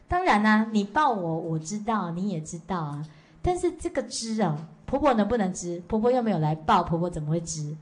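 Woman, Buddhist teacher, dharma lecture, storytelling tone, frequent short fillers, mid pitch. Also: big pitch swings. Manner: slow measured chanting leader at the close.

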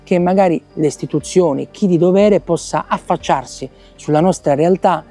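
A man's voice: high-pitched, normal speed, dark tone, faint music behind. A man, earnestly presenting his theatre project outdoors at night, with many fillers and restarts. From Italy. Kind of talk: promotional interview. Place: outdoor town square at night. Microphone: lapel mic.

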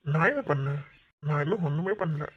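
Man doing a gentle young cartoon uncle, coaxing, dull lo-fi sound. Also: on the high side, expressive, fairly quick, slight background noise, close to an everyday voice. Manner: easygoing, coaxing. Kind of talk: cartoon voice acting.

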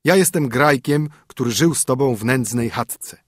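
A stern minstrel husband who is really a king in disguise, as a male narrator puts him on. He orders and scolds in a raised, louder voice with a husky grain. The sound is close and dry. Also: mid-range voice, normal speed, no room sound, natural voice. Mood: reassuring. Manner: scolding, commanding.

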